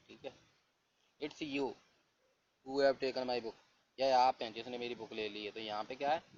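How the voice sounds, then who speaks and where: A man teaching English grammar in Hindi, reading English rules out slowly and asking and answering his own questions. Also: medium pitch. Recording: dull lo-fi recording with faint hiss.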